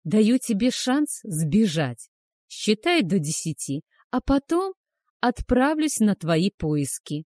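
A woman voicing a cruel, arrogant male werewolf hunter, who speaks with loud, growling menace. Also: medium pitch, sing-song, slow, no echo, studio quality. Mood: menacing.

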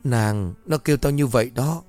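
A man's voice: mid-range voice, normal speed, darkish tone, soft background music, close to an everyday voice. A man voicing a terrified haunted young woman. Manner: fearful, pleading.

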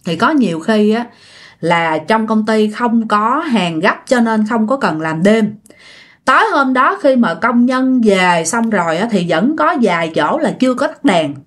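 A woman's voice: on the high side, lively intonation, a little slow. A woman with a Southern Vietnamese accent narrating ghost stories in a chatty, casual manner, often speaking straight to her listeners. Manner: chatty, addresses listeners directly. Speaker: storyteller.

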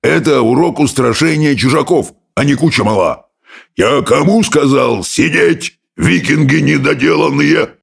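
A bossy Viking schoolmaster from a storybook bellows and barks, voiced by a male reader. His voice is pitched up, rough and gravelly, with a husky edge. It lurches across a wide span of notes as he roars at his pupils. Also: unhurried, heavily acted. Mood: booming. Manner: roaring, barking orders. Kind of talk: audiobook character voice.

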